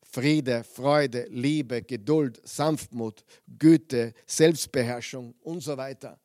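A man's voice: medium pitch, slow pace, a little mellow, no echo. Male preacher, mid voice, dry close sound, earnest emphatic Bible teaching. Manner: earnest, emphatic scripture reading with rising intensity.

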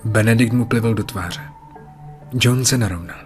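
A man narrating a horror story in a steady, measured way. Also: lowish voice, soft background music.

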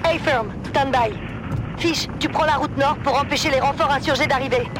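Une comédienne qui joue une femme pilote de chasse, cheffe de patrouille, parlant par radio casque dans le cockpit avec un ton net de procédure radio. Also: female voice, high-pitched, steady tone, normal speed, noisy background. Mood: tense. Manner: crisp clipped radio procedure talk. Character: woman fighter pilot, calm patrol leader. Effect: pilot talking over a cockpit headset radio.

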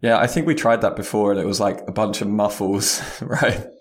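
British male podcast co-host, lowish voice, chatty and self-deprecating, heavy room echo from a conference room. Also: fairly quick. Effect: roomy echo on the voice. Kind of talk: casual podcast chat.

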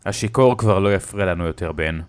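A man voicing a tough, hot-tempered middle-aged father who barks short, loud orders, read as part of a spoken horror story. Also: low-pitched, clean tone, close to an everyday voice. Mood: cold.

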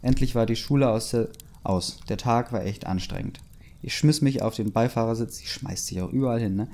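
Slightly fast, with a medium-pitched, darkish voice, this young man reads a fan story out loud. His delivery is loose, punctuated by chuckles and personal asides.

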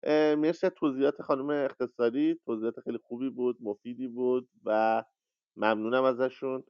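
A man's voice: medium pitch, steady tone, clear, resonant tone, no echo, lo-fi sound. A man hosting a literary workshop, speaking in a rambling, hesitant way with many fillers over an online audio call. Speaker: workshop host. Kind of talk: casual lecture on a live audio chat.

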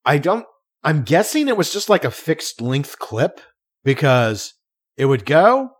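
A man talks on a podcast in a relaxed, conversational way. His pitch swings widely as he tells the story, and he often stops and restarts his sentences. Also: a little slow, slightly rough. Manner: animated storytelling with frequent restarts. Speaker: podcast co-host. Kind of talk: casual chat.

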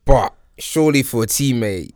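A man's voice: mid-range voice, lively intonation, normal speed, a little mellow. A young man with a London accent chatting casually, slangy and searching for his words. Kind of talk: casual chat among friends.

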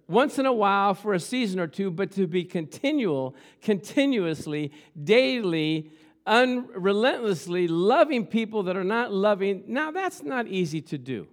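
High-voiced male preacher, emphatic and conversational. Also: big pitch swings, normal speed. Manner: emphatic, with repeated phrases and rhetorical questions. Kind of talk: conversational motivational sermon to a congregation.

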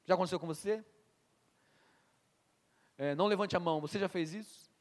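Guy preaching in a church, high-ish voice, stumbles on words and restarts, big echoey hall. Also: fairly quick. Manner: stammers on restarts, asks the congregation questions. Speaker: pastor. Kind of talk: sermon. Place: church hall with long reverb.

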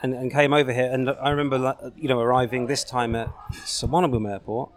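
A man's voice: mid-range voice, flat delivery, fast talker, a little hiss or hum. A man, a laid-back guest telling his story in a casual interview with many fillers. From United Kingdom.

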